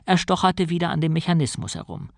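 A man reading an audiobook as narrator, in a calm, measured way. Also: on the high side, creaky, no room sound, studio quality. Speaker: audiobook reader. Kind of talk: scripted narration.

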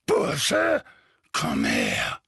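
A man's voice: high voice, wildly swooping pitch, measured pace, bright, forceful tone, dry recording, clean studio sound, pitched above the performer's own voice, exaggerated voice. A man reading an audiobook and voicing a bad-tempered, bullying uncle who growls and barks. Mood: barking angry. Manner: barking, growling, blustering. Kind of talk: audiobook character voice.

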